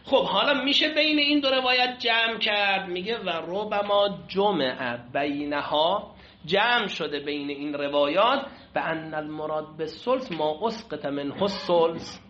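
A man's voice: sits high, bright, forceful tone. A man teaching a class, reading Arabic text aloud and explaining it in Persian, often asking his students questions. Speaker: seminary teacher. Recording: echoey room, muffled lo-fi sound.

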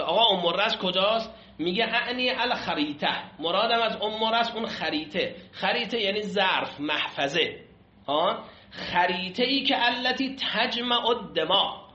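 A man's voice: a little high, pushed and bright, a little hiss or hum. A man teaching a class, reading Arabic text aloud and explaining it in Persian, often asking his students questions. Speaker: seminary teacher. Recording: echoey room, muffled lo-fi sound.

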